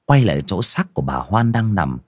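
A man's voice: low-pitched, sing-song, normal speed, no echo, clean studio sound. A man narrating an audio horror story in a dramatic, lurid storytelling manner.

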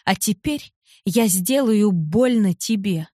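A woman's voice: mid-range voice, expressive, takes it slowly, mellow, dry recording, clean studio sound. A woman voicing a tearful, defiant young heroine. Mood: cold fury. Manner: intense, emotional.

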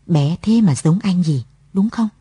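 A woman's voice: lowish voice, animated, measured pace, dark tone, husky, dry recording, exaggerated voice. A woman voicing a dazed young husband who learns he has a daughter, in a read-aloud story. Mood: overjoyed. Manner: dazed then exclaiming. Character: dazed young husband, overjoyed at being a father.

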